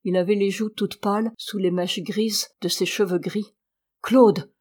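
A woman's voice: medium pitch, fairly even intonation, normal speed, darkish tone. Woman reading a classic novel. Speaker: audiobook reader. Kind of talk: scripted narration.

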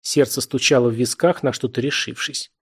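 A man narrates literary prose as an audiobook reader, in a steady, measured storytelling style. His voice is mid-range and husky.

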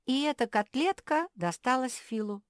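A woman's voice: high voice, animated, normal speed, dry recording, clean studio sound, pitched above the performer's own voice. Brief: woman reading a self-assured girl taking charge. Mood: confident.

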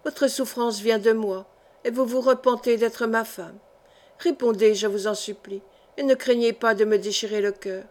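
For an audiobook of a historical novel, a woman narrator voices an anguished young nobleman bitterly and passionately pleading with his wife. Her lightly acted, somewhat high delivery has a pleading mood, fairly even intonation, and moderate pace. Her darkish tone stays close to an everyday voice.

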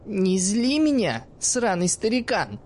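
A man's voice: sits high, big pitch swings, takes it slowly, a little hiss or hum, voice pushed up, heavily acted. A man doing a brash foul-mouthed young woman. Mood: angry. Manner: cocky, mocking, swears freely.

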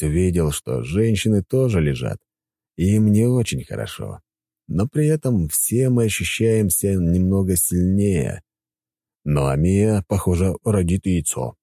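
A man's voice: low voice, warm tone, dry recording. A man narrating a fantasy audiobook in the first person, with wry, ironic asides.

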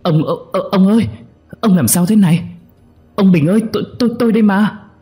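A man's voice: fairly low pitch, a little fast, warm tone, breathy edge, faint music behind. A man voicing a frantic, tearful middle-aged village wife who pleads breathlessly.

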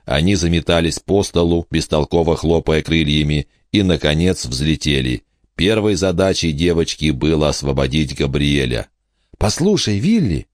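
A man narrating an audiobook in an even, measured storytelling manner. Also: extremely low pitch, no room sound, studio quality. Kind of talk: scripted narration.

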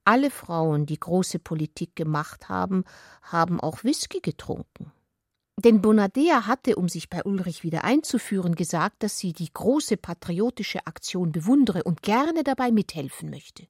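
A woman with a fairly low-pitched voice narrates a radio literary adaptation, reading scripted prose with breathy, expressive intimacy and deliberate pacing that often falls to a whisper. There's no room sound, as she's close-miked in the studio and the quality is studio-grade.

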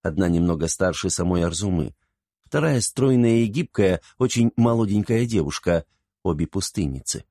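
A man narrating an audiobook in an even, measured reading. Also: low-pitched, dry recording, clean studio sound. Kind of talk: scripted narration.

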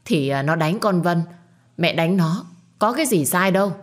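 A woman's voice: fairly low pitch, lively intonation, moderate pace, close to an everyday voice. A woman voicing a domineering middle-aged mother in a storybook reading, harsh and scolding. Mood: defensive. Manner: scolding, shouting.

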